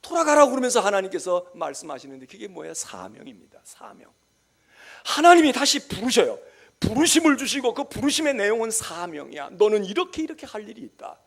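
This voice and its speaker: A male senior pastor preaching a sermon in a church. He is dramatic, swinging between loud exclamations and hushed whispers. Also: high-pitched, huge pitch swings, fairly quick, vocal fry. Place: church sanctuary.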